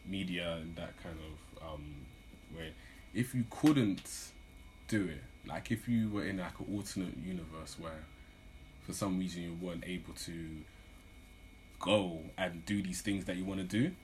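A man's voice: deep voice, a little slow, a little mellow, slight background noise, poor audio. A young man, hosting a podcast and teasing his guest in a jokey, laughing way. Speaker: podcast host. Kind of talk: casual chat.

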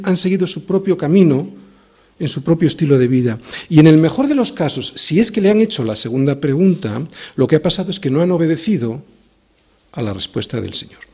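A man's voice: a little high, mellow. A male pastor preaching a sermon in a church, reading scripture and asking the congregation questions.

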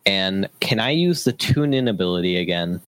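A man playing in a tabletop role-playing game, casually voicing and describing his character in halting, repeated phrases. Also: low-pitched, expressive, a bit bright, dry recording.

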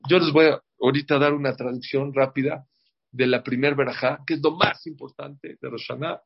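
Gravelly man teaching a religious class. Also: medium pitch, fairly even intonation, fairly quick. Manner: emphatic, checks in with "ok?", repeats words. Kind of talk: religious class before a holiday. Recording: dull lo-fi recording.

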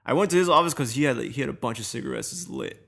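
A young man in casual chat, swearing freely and telling animated stories. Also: medium pitch, racing, creaky.

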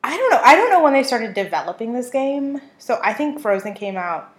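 A young woman co-hosting a casual chat, animated and swearing freely with frequent laughs. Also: on the high side, a little fast, roomy sound. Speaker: co-host.

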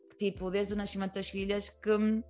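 A woman's voice: mid-range voice, flat delivery, fairly quick, a little mellow. A woman with a European Portuguese accent, a comedian talking candidly as a guest, rambling through many fillers and restarts. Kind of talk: candid podcast conversation.

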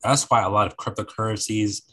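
A man's voice: on the low side, fairly even intonation, brisk, pushed and bright, slightly rough, low-quality recording. A young man talking casually on a podcast, rambling and repeating phrases as he searches for words.

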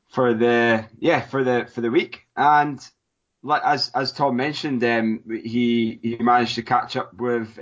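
A man co-hosting a sports podcast in a casual, halting and informal way. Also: medium pitch, fairly bright tone, highs cut off. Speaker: podcast co-host.

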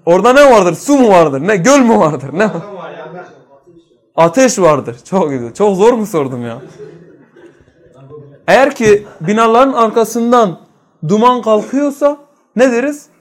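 Brief: male religious teacher, high voice, rhetorical questions to the room, swings between loud and hushed. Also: lively intonation, measured pace, pauses often. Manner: quizzes listeners with rhetorical questions. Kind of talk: religious study lesson.

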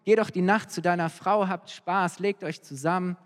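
A man's voice: sits high, steady tone, normal speed, voice pushed up, natural voice. A man voicing King David, a proud, scheming man with a coaxing, insistent way of talking, heard in a reverberant hall.

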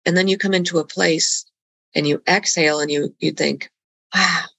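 A woman with a gravelly, husky voice, recorded dry and close. She talks earnestly and haltingly, restarting her sentences, in a reflective conversation over a video call. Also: on the low side, fairly even intonation, fairly bright tone, no echo, poor audio. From Colombia. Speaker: guest.

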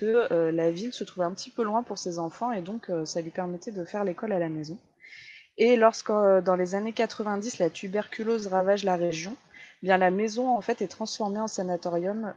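A woman's voice: medium pitch, darkish tone, muffled recording. A woman hosting a casual talk show, chatting with many hesitations and fillers as she introduces a haunted place. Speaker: host.

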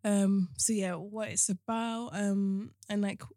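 A woman's voice: mid-range voice, fairly even intonation, slow, dark tone, no room sound. Young British woman, dry casual interviewer. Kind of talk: casual chat.

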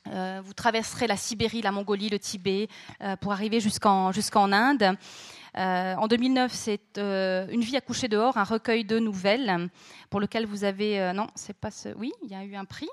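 A woman's voice: medium pitch, fairly even intonation, normal speed, dry recording, studio quality. A woman hosting a live author event, introducing her guest with many hesitations and restarts. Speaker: event host. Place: venue with an audience. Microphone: handheld mic.

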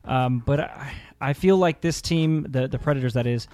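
A man's voice: medium pitch, moderate pace, darkish tone. A man co-hosting a casual sports podcast, hedging and optimistic, with frequent hesitations. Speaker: podcast co-host.

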